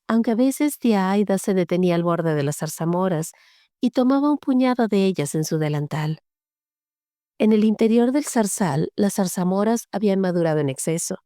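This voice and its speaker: Dark-voiced woman narrating a story. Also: mid-range voice, dry recording, clean studio sound. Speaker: audiobook narrator. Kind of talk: scripted narration of a horror story.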